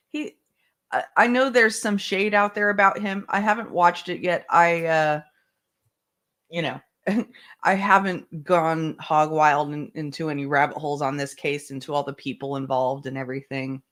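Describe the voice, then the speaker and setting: A livestream host commenting casually on a trial, halting and full of fillers, with the hiccups. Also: medium pitch, a bit bright. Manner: halting, filler-heavy, many restarts. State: has the hiccups. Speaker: trial-watching stream host. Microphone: streaming mic.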